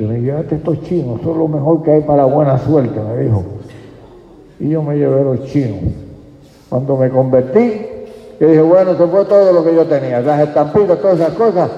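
A man giving a testimony sermon, telling his story and often dropping to a hushed, prayerful voice. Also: mid-range voice. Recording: echoey hall, dull lo-fi sound.

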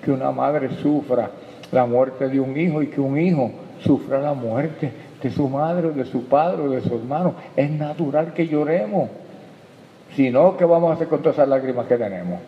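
Male pastor, mid-pitched, fiery sermon delivery, roomy dull hall recording. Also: normal speed. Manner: impassioned preaching, rising to loud peaks; addresses listeners as brother. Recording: echoey hall, dull lo-fi sound.

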